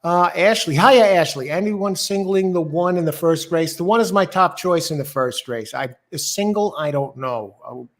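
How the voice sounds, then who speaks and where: Male host, slightly higher pitch, casual live racing-show chat. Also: moderate pace, few pauses.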